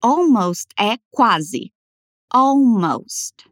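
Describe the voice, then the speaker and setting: Uma mulher dando aula de inglês em português, falando devagar e articulando as frases com cuidado para o aluno repetir. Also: female voice, a little high, sing-song, no room sound, studio quality. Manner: slow, careful over-articulated model phrases. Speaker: English teacher. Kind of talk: language lesson, repeat-after-me drills.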